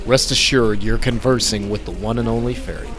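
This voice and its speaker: An actor playing a commanding, theatrical vigilante in an old time radio drama, speaking formally and pompously. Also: male voice, lowish voice, fairly quick, a bit bright, soft background music. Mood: stern, urgent. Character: commanding, theatrical male masked vigilante of 1920s. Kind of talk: 1920s-set old time radio acting.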